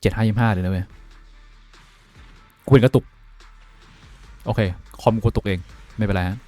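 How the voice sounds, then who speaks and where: A man streaming a game live, talking with his viewers in a profane, excitable way that swings between loud outbursts and quiet muttering. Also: fairly low pitch, normal speed, soft background music. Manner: switches between shouting and muttering. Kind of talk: casual live-stream commentary.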